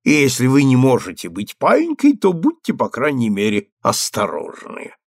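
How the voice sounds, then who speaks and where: A man reading an audiobook, voicing an elderly male theatre critic with a creaky voice and a slow, mocking manner. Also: mid-range voice, wildly swooping pitch, no room sound, studio quality, heavily acted. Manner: mocking, drawling.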